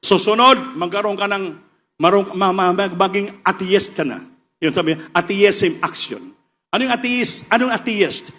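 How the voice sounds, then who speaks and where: A man with a Filipino accent preaching a sermon with passion, swinging between loud preaching and quieter asides. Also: sits high, unhurried.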